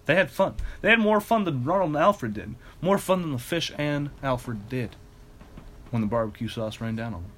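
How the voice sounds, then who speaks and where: Man, casual, deadpan reading, laughs through it, middle pitch. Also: moderate pace, a little hiss or hum. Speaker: host reading fan fiction aloud.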